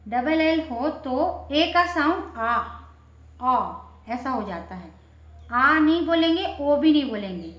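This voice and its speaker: A woman's voice: sits high, animated, measured pace, echoey room, highs cut off. A woman teaching spelling and pronunciation rules, spelling words out letter by letter and answering her own questions.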